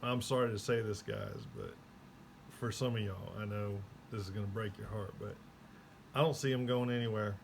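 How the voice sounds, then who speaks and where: A man's voice: fairly low pitch, animated, normal speed, gravelly, background noise. A man giving a rambling, casual spoken recap, slipping into quoted voices as he tells it. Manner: rambling, acts out quoted people. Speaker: vlogger.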